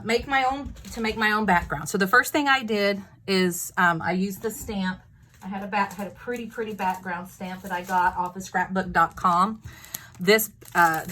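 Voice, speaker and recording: Chatting casually in a crafting show-and-tell, this craft vlogger has a Texas accent and a low-leaning, sharp-toned voice. She rambles, full of fillers and restarts, with a little noise in the background.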